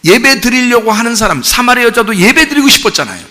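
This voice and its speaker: Lively Korean pastor preaching in a hall. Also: male voice, very high-pitched, fast. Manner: animated preaching, asks the congregation questions and acts out quotes. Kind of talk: sermon. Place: church sanctuary. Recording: church hall reverb.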